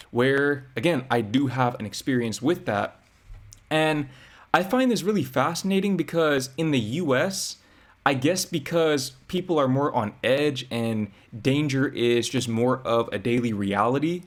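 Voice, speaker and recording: Young American man, casual reaction host, reflective chatter. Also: medium pitch. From United States. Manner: chatty, reflective, drawn-out emphasis. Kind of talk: casual commentary.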